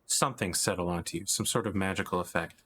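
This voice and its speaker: A man's voice: low voice, quick pace, pushed and bright. A man casually narrating a tabletop game as game master. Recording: faint background noise.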